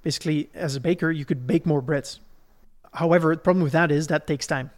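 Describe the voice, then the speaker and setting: Quick-paced and fairly even in intonation, a high-ish voiced man from Belgium hosts a podcast. His style is conversational and instructive, advancing one step at a time while regularly confirming the listener is with him.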